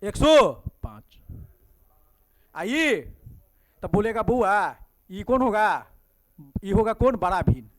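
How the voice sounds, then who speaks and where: A man with a Bihari Hindi accent teaches a math class. His voice sits high and leaps up and down as he coaxes students with quick questions. Classroom teaching, full of prompts. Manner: lively, coaxing questions to students.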